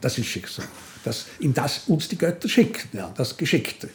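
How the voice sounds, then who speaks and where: An older Swiss man with a Swiss German accent speaks as an interview guest in casual conversation, musing and philosophical. His voice is medium-pitched and very animated, at a moderate pace.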